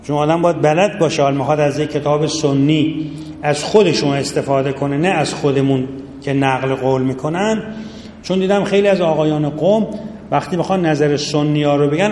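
A man's voice: on the high side, a little mellow, slight background noise. A middle-aged man teaching a seminary jurisprudence class, talking casually and addressing his students directly. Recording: echoey hall with long reverb, faint ambience.

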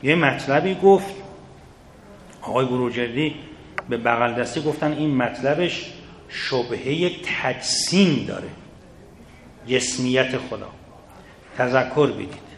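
A man's voice: mid-range voice, lively intonation, gravelly, pauses often. A man giving a religious lecture to seminary students, earnest and full of rhetorical questions aimed straight at his listeners. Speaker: seminary teacher. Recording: echoey room, faint background noise.

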